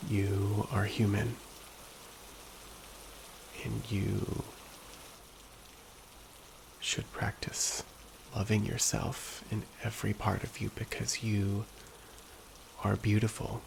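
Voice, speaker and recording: A man speaking in a slow, soft, hushed and gentle ASMR pep talk style, at times whispery. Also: completely flat delivery, background noise. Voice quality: low, very creaky. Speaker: ASMR host.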